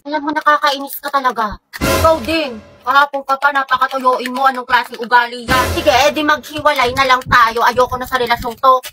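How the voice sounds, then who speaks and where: High, fast-talking young woman in comedy skits. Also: steady tone. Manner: bickering, playful, teasing. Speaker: comedy skit performer. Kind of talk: acted comedy sketches. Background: background music.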